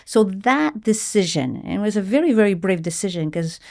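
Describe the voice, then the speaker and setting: A woman's voice: medium pitch, expressive, fairly quick, gravelly, a little mellow. A middle-aged woman from Portugal, telling her life story earnestly in an interview, with hesitant restarts. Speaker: guest, marketing executive.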